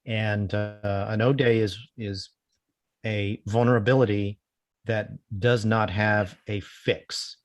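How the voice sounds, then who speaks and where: A man co-hosting a security podcast, calmly explaining and correcting how a term is used. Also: fairly low pitch, slow, no room sound. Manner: explanatory, sets terms straight. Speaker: podcast co-host. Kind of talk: casual security podcast chat.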